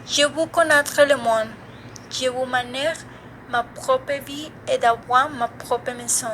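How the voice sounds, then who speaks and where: High-voiced teenage girl. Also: steady tone, slow pace, fairly bright tone, a little hiss or hum. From Mexico. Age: teens. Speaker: student. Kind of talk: reading a self-introduction.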